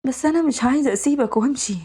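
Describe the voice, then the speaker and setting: A woman putting on a clingy young orphan girl with a raised, sweet Egyptian voice. She pleads and insists, slightly breathy and quick. She is a drama recap's young heroine. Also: sits high, dark tone, pitched above the performer's own voice. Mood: pleading. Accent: Egyptian Arabic.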